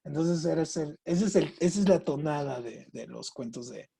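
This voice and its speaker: A man's voice: a little high, moderate pace, gravelly, a crowd in the background. A man giving an informal cultural workshop lecture, telling stories animatedly with frequent tag questions.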